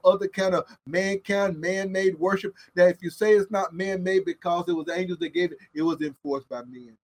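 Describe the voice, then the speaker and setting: Man, preacher, high-pitched voice, fiery sermon, hushed asides, shouted stretched-out emphasis, repetitive driving cadence.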